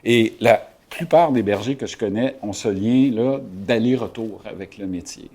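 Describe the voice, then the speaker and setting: A man's voice: lowish voice, moderate pace, darkish tone, husky. A man with a Québécois accent, a shepherd and writer telling stories casually with many fillers and restarts. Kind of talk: casual storytelling interview.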